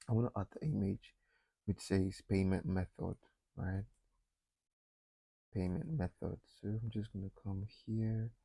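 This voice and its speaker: A man talking himself through a coding tutorial, thinking aloud with frequent pauses and fillers. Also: deep voice, creaky, mellow, breathy edge, no room sound, poor audio. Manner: thinking aloud, many ums and restarts. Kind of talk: casual screen-recorded coding walkthrough.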